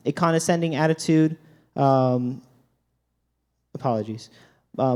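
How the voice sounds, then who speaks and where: A man's voice: fairly high pitch, darkish tone. A man speaks from the front of a church group in a slightly raised register. He works through definitions with a hesitant, filler-heavy delivery, often stopping to restart his sentences. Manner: hesitant, frequent ums and restarts. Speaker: youth talk speaker at church. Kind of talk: church talk with dictionary definitions.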